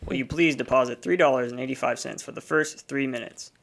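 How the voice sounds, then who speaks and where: An actor playing a brisk, formal telephone operator in a radio drama. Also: male voice, mid-range voice, creaky, fairly bright tone. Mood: businesslike. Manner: formal, businesslike.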